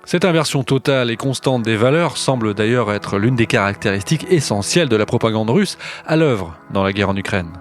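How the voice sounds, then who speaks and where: A man's voice: medium pitch, expressive, fairly quick, soft background music. A man co-hosting a podcast, reading narration and chiming in with playful questions and asides. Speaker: podcast co-host. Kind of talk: scripted podcast narration and banter.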